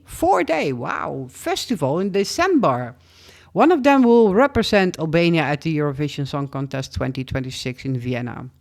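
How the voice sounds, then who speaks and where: A woman vlogger reads out a casual news roundup, working through long lists of names and tripping over them. Her voice sits a little low. She speaks slowly, with a lot of rise and fall in her pitch.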